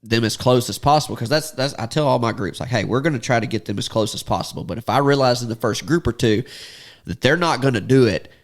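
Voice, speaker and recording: A man's voice: mid-range voice, fast. A man who guides waterfowl hunts, telling stories in a casual chat with lots of laughter and restarts, using a Southern "y'all". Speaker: duck hunting guide and podcast host.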